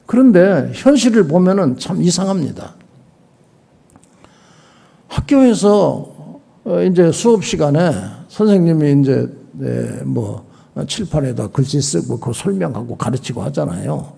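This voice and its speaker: An older male pastor preaches with a gravelly, husky voice that rises and falls widely. He drives his points home with rhetorical questions and acts out little scenes. His tone is mellow and dark, a bit higher than most men. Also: animated, a little slow. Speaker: senior pastor. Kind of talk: sermon.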